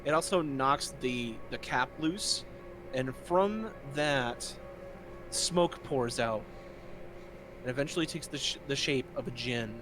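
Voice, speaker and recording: A male game master describes a tabletop fantasy game in an informal, conversational way. His pitch is middling, and music plays clearly behind him. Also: slow. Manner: informal, with spoken sound effects. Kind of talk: narrating a tabletop role-playing game.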